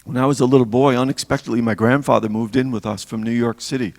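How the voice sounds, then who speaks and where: Older male deacon, reflective spiritual talk; gravelly timbre with hall reverb. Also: medium pitch, fairly even intonation, darkish tone. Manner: reflective storytelling, pausing between phrases.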